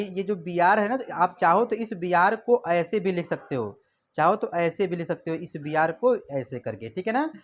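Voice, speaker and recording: A man teaches a chemistry lesson in a loose, conversational way. He repeats each step and keeps checking in, addressing students as brother or child. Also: sits high. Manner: repetitive, coaxing, checks in often. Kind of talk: casual classroom explanation.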